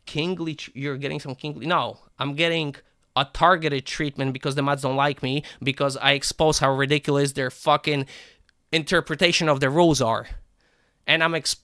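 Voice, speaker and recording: A man livestreaming a game and ranting to his chat, profane and combative, swinging between animated outbursts and flat calm, with a habit of asking "right?". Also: fairly high pitch, moderate pace, no room sound, clean studio sound. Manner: repeats "right?" and restarts words. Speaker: live game streamer talking to chat. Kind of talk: unscripted stream rant.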